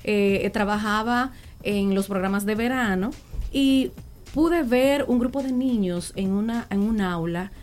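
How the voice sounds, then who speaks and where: A woman's voice: mid-range voice, unhurried, a little mellow. Woman speaking as an educator. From Dominican Republic. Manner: earnest, with frequent fillers and restarts. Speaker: guest, special education teacher. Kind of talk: panel talk.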